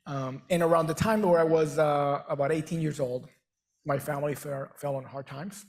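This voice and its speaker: A man's voice: on the high side, steady tone, a little mellow. A middle-aged man from Venezuela whose first language is Spanish, speaking earnestly on stage with frequent restarts as a guest speaker. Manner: earnest, halting with repeated restarts. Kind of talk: on-stage conversation.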